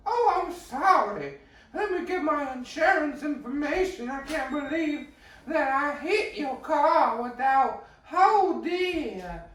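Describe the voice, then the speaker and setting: A man voicing a flustered, polite elderly woman in a high, quavering, fussy tone. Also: expressive, slow pace, fairly bright tone, full character voice. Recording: echoey room, distant mic.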